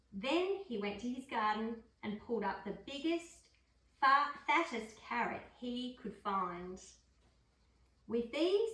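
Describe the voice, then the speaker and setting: A woman reading a picture book aloud to a dog, adding gentle chatty asides between pages. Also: a little high. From Australia. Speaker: storybook reader. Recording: roomy room, mic far off.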